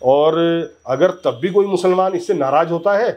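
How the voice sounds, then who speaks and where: A man's voice: high-pitched, normal speed, a little mellow. A man as a guest in a heated political interview, talking emphatically, arguing his points and often cutting in over the interviewer. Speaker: interview guest, community leader.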